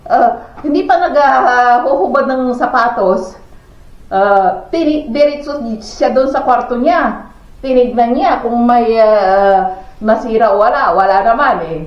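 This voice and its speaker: A woman from the Philippines chats through a story in her home vlog, her voice sitting a little high. Her talk is loose and full of fillers and exclamations. The sound is roomy and somewhat dull, like a lo-fi home recording. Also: slow. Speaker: family vlogger. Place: at home, indoors. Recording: echoey room, dull lo-fi sound.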